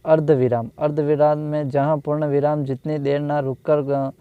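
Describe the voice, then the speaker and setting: A man teaching a grammar lesson, repeating each phrase and pausing to think with restarts. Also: fairly high pitch, little pitch movement, clean tone, no room sound. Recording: dull lo-fi dry recording.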